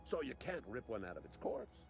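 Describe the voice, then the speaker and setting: A man's voice: medium pitch, huge pitch swings, a little fast, creaky, soft background music. An actor playing a blunt, wry male fixer in a video game, matter-of-fact, with noise behind the voice. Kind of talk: video game character acting.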